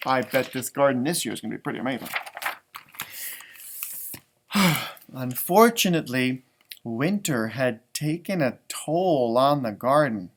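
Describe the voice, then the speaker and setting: Animated and unhurried, with long pauses, a mid-range American male voice reads a storybook to children the way an elementary music teacher would, drawing out words and chatting in simple explanations.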